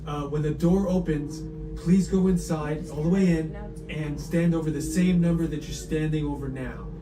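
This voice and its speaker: A man's voice: fairly high pitch, fairly even intonation, moderate pace. A man working as a theme park guide, delivering a scripted briefing to guests. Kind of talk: scripted live attraction briefing. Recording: echoey room, distant, noisy.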